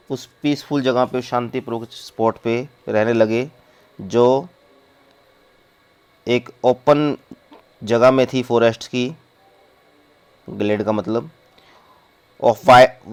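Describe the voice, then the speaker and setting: A man reads a textbook story to students one phrase at a time, then goes over it again in Hindi. His voice is smooth and clear, and he reads at an unhurried, deliberate pace. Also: medium pitch. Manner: reads English slowly, then explains in Hindi. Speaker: teacher. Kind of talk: reading a textbook story aloud and explaining it line by line.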